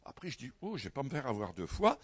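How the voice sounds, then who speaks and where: A man preaches to a congregation, telling a story from his own life with bursts of loud emphasis and quick asides. His voice is slightly husky and sits fairly high, with a very lively, swinging pitch. The sound is dry and close, with no room echo. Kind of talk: sermon with personal testimony.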